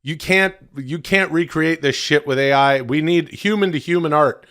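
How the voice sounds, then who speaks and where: A man co-hosting a comedy podcast in casual chat, rambling and profane, now and then bursting into mock yelling. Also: fairly high pitch, normal speed. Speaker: podcast co-host.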